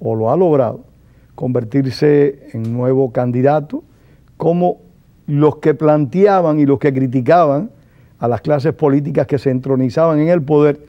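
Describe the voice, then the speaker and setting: A man hosting a formal television interview, speaking in a measured, deliberate way as he introduces his guest and asks questions. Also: a little high. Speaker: TV interviewer, journalist. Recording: dull lo-fi broadcast sound.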